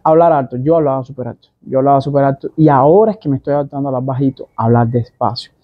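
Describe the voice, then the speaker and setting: A man's voice: mid-range voice, very fast, no echo, dull audio. A young man with a Cuban Spanish accent, talking casually to camera as a vlogger and explaining things with many asides and examples. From Cuba.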